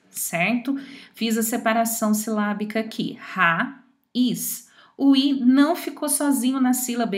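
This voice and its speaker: Woman teaching grammar, checking in often. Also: on the high side. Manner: frequent checking tags, explains step by step. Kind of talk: grammar lesson.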